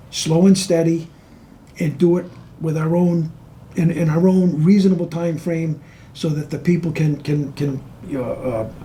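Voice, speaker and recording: A man with a fairly high but mellow voice answers interview questions for a water board. He explains in a deliberate, earnest way. A faint hiss of ambient noise sits behind him. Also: low-quality recording. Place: on a tour of the water department.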